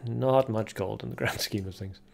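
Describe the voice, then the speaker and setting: A man's voice: lowish voice, moderate pace, creaky. A young man hosting a casual card-game livestream, chatting with viewers and reading card names aloud as he opens packs. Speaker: livestream host.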